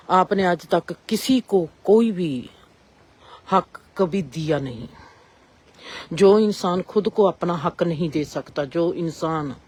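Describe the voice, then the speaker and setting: A woman's voice: on the low side, darkish tone, breathy edge. A woman gives a reflective spiritual discourse and asks rising rhetorical questions. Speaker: spiritual speaker.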